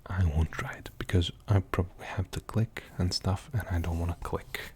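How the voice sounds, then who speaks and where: A young man whispering softly in an ASMR video, rambling casually with many fillers. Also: deep voice, steady tone, normal speed. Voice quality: mostly unvoiced whisper. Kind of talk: whispered ASMR game show-and-tell.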